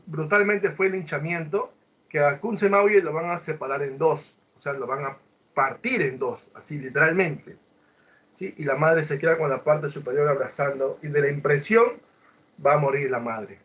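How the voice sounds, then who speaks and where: A man's voice: on the high side, normal speed, fairly bright tone, highs cut off. A male literature teacher retelling a folk tale in a lecture, acting out the quoted voices and checking in with short questions. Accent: Peruvian Spanish. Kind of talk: storytelling lecture.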